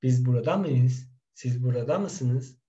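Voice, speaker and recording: A man teaching Turkish, slowly drilling question forms and explaining in quick, casual asides. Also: medium pitch, warm tone, lo-fi sound. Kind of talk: casual language lesson.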